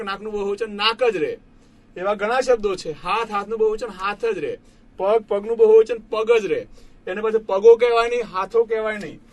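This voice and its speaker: Brief: male teacher, high voice, patient and repetitive, chats warmly with students as friends. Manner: patient, repeats each word slowly for students; addresses listeners as friends. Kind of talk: classroom lesson explaining English grammar.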